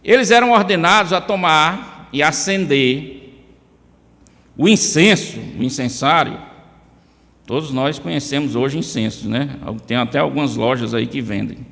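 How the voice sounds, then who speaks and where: A man's voice: fairly high pitch, unhurried, creaky, fairly bright tone. A man from Brazil with a Brazilian Portuguese accent preaching a sermon in church, addressing listeners by name with emphatic rises. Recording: church hall reverb.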